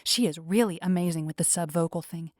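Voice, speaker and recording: A woman narrates a first-person story evenly and clearly. Her voice is slightly low and recorded close on a studio mic, completely dry with no room sound. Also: a little fast, dry recording. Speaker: audiobook narrator.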